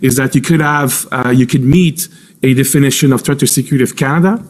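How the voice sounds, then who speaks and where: A man giving formal testimony as an intelligence official under cross-examination, choosing his words carefully with many pauses and repeats. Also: mid-range voice, fairly even intonation. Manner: careful, halting, hedged with frequent pauses and repeats. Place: formal public inquiry hearing.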